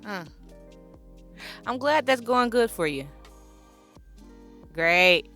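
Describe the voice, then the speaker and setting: Slow, bright-voiced young woman podcaster. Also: fairly high pitch, lively intonation, faint music behind. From born near Chicago, raised near Atlanta. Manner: slow, reflective, searching for words. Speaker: podcast host. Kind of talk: personal heartfelt monologue.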